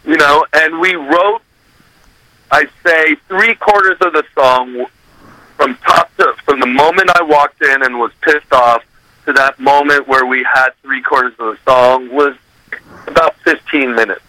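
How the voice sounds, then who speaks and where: A man's voice: on the high side, unhurried, low-quality recording. A man and recording artist telling a story in a casual interview, acting out what people said, scatting melodies and swearing freely. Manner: animated, acts out quotes and scats melodies.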